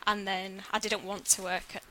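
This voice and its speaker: A woman's voice: medium pitch, level tone, normal speed, bright, forceful tone, slight background noise, rough recording. A woman with a Yorkshire accent, a podcast guest who explains her job in a friendly, matter-of-fact way. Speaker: guest, business development manager at a lender. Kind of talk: podcast interview answers.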